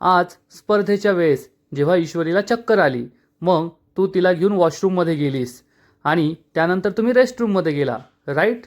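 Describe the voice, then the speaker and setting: A man voicing a young businessman hero from a TV serial, measured and questioning, calm but firm. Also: high-pitched.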